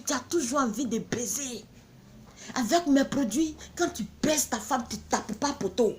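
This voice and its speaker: A woman's voice: on the high side, a little mellow. A woman from Benin, selling her own products in a blunt, emphatic promotional monologue full of repeated catchphrases.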